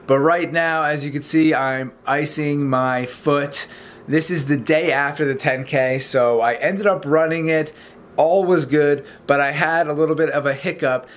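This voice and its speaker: A man's voice: fairly high pitch, steady tone, a little slow. A man around thirty talking casually to camera as a vlogger at home, chatty and informal as he explains things. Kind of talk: casual vlog talk to camera. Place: indoors in a home living room.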